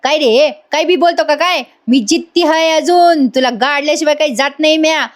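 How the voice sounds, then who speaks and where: A fierce old aunt snaps back defiantly and means every threat, as a woman narrating a serial puts her on. Her voice is high and sharp. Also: moderate pace, lightly acted.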